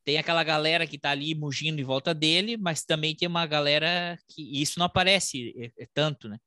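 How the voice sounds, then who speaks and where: A man's voice: fairly high pitch, bright, forceful tone, no echo, clean studio sound. A man talking casually about politics and the year ahead, stopping and restarting his sentences often. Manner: halting, many restarts and repeated words. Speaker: podcast co-host.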